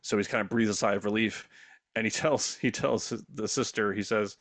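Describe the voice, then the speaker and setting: A man hosting a casual podcast who retells scenes in an animated way, chuckling between phrases. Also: on the low side, moderate pace, dry recording. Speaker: podcast host.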